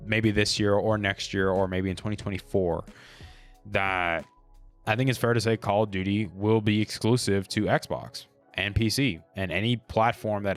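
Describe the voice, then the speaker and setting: A podcast host talking through his views off the cuff, blunt and opinionated, leaning on casual fillers. His voice sits low for a man. Soft music plays faintly under him. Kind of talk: unscripted solo commentary.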